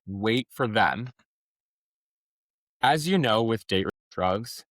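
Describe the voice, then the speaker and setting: A man's voice: lowish voice, a bit bright, no echo. A man speaking as a podcast guest, telling a personal story frankly in a rambling way, with many restarts. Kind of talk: personal testimony in an interview.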